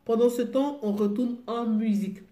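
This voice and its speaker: A woman's warm, fairly high voice holds a steady tone at normal speed. She has a cold while hosting a live call-in show, speaking casually with frequent fillers, hesitations and repeated words, amid music in an echoey room.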